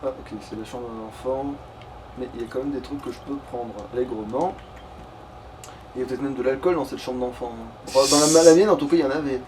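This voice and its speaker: A man with a medium-pitched, steady voice talks at a quick pace while playing a game with a friend. His let's play commentary is informal, sweary, rambling and repetitive, and the distant mic catches faint background noise.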